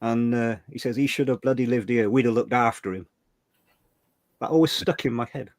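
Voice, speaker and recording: This older livestream co-host from England shares old memories in a casual, chatty, emotional way, swearing mildly. He speaks at normal speed and medium pitch. The recording is dry.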